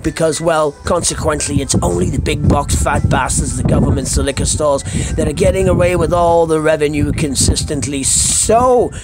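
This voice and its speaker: With music running underneath, a man from Scotland hosts a podcast, performing a comic rant for listeners in a theatrical, foul-mouthed style rich in colourful slang. His voice is a little high, his pace moderate, and the recording rough.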